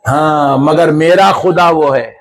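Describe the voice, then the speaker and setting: A man's voice: fairly high pitch, slow, a crowd in the background. A man preaching a sermon to a gathering, listing things in rhythmic repetition and building to impassioned cries. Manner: rising into impassioned shouted crying-out. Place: large gathering with live crowd.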